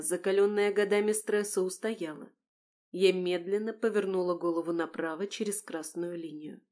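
A woman narrating a first-person audiobook with a wry, expressive delivery. Her voice sits at a middle pitch, and she paces the scene like a storyteller.

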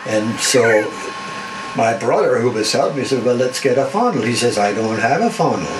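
A man's voice: mid-range voice, expressive, normal speed. Man, Dutch German accent, drawling folksy joke teller; roomy, noisy archive recording. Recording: roomy recording with background noise.

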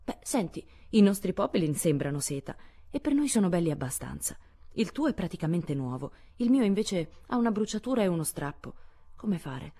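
A woman reading an audiobook, voicing a careless, tomboyish teenage girl who speaks bluntly with a husky edge. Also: on the low side, very animated, brisk, dark tone, voice pushed up, exaggerated voice. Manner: blunt, offhand.

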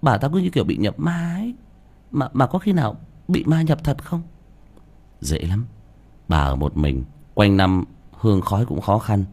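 A man's voice: on the low side, lively intonation, moderate pace, pauses often, a little mellow, husky. A man voicing a frightened young village woman who stammers and pleads. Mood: worried pleading.

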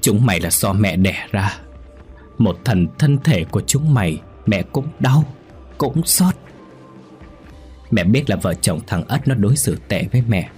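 A man's voice: deep voice, normal speed, darkish tone, soft background music, close to an everyday voice. A man voicing the ghost of an old mother in a spoken ghost story, tender and pleading. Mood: sorrowful.

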